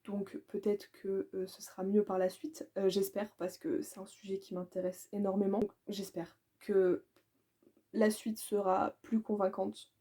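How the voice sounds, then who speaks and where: A French-accented woman talks casually about her reading pile in a vlog. Her voice is very dark and mellow, at an average pitch. She hesitates often, fills gaps with little sounds and laughs at herself. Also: flat delivery, unhurried. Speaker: booktuber.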